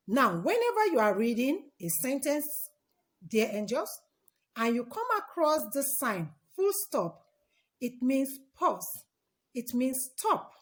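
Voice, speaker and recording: A woman teaching an online lesson for children, repeating key words and quizzing her young pupils as she goes. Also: fairly high pitch. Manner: repeats key words and asks the class questions.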